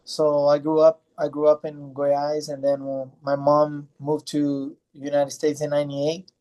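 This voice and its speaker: This Brazilian fighter in his thirties, a native Portuguese speaker, answers interview questions loosely and ramblingly, full of fillers and restarts. His slightly high voice is monotone, unhurried and dark in tone, and the recording quality is low.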